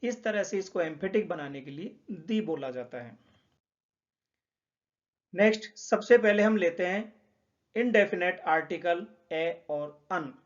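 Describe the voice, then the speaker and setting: A man's voice: high-pitched, lively intonation, measured pace, long pauses. A man teaching English grammar, explaining each point step by step and repeating the key ideas. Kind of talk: classroom explanation. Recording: dull lo-fi sound.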